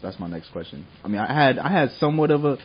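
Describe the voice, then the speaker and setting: A man's voice: medium pitch, sing-song, fast, husky, muffled recording. A man from Liberia co-hosting a casual podcast chat, playful and full of fillers as he leads the agenda. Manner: playful, hypes others up, lots of fillers. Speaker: podcast co-host.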